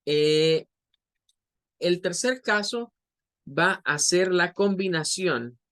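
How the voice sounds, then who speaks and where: A man's voice: high-pitched, very slow, a bit bright. A man teaching an English pronunciation class in Spanish, patiently explaining and stretching out the example words. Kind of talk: online class lesson.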